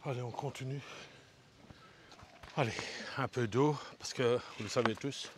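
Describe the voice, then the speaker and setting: A travel vlogger walks an outdoor ridge path, hot and short of breath, chatting and joking straight to his viewers. His voice is medium-pitched and steady, a little slow, with a noisy background.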